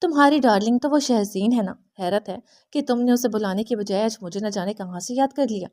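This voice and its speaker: A woman's voice: medium pitch, a little mellow, lightly acted. A woman voicing a proud, jealous young woman who speaks in a sarcastic, needling way in an audiobook reading. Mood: sarcastic probing.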